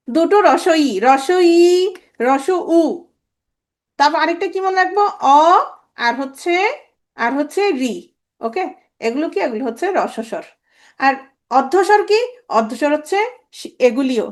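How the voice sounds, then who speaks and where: High-voiced woman drilling grammar lessons. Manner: drills by repeating sounds and answering her own questions. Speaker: teacher. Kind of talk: exam-prep grammar lecture.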